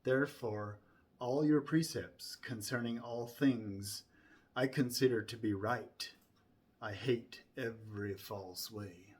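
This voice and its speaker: A man reciting scripture from memory in a solemn, deliberate way, starting phrases with emphasis and softening toward the ends. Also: medium pitch.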